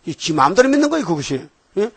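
A man's voice: high-pitched, big pitch swings, quick pace, breathy edge, no echo. An older man giving an informal, rambling sermon, often checking on listeners with short questions. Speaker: preacher.

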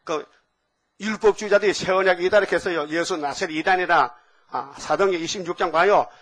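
A man's voice: high voice, a little fast. An older man preaching a sermon, asking the congregation question after question. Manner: animated, asks the audience questions.

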